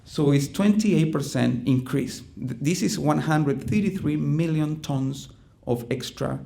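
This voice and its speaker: In a conference room, a middle-aged man from Chile with a Chilean Spanish accent delivers a presentation haltingly, restarting often and filling gaps with um. His fairly high voice is gravelly and mellow.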